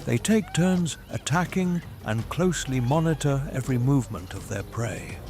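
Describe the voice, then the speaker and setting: A man reads scripted nature documentary narration in a measured, formal storytelling manner. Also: mid-range voice, expressive, darkish tone. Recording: music behind the voice. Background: background music.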